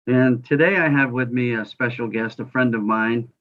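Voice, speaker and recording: A man's voice: medium pitch, normal speed. A man hosting an online interview show, talking informally with many fillers. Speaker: podcast host. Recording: slightly dull lo-fi audio.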